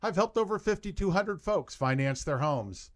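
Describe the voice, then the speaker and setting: Man, older, podcast host, friendly, stumbles over words, slightly raised pitch. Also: expressive, moderate pace. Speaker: podcast host, mortgage lender. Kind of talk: casual interview chat.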